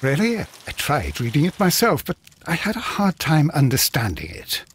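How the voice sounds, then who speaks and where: A loyal Victorian doctor speaks in a husky, fairly high voice. His pitch swings very widely, and he sounds earnest, puzzled and a little hesitant, as the sidekick in a detective game. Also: wildly swooping pitch, normal speed, exaggerated voice. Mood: hesitant, polite. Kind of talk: video game cutscene acting.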